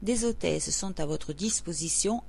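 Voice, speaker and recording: A woman announcer reading scripted public announcements, like those at an airport or station, in a formal, measured way. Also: fairly low pitch, gravelly, darkish tone.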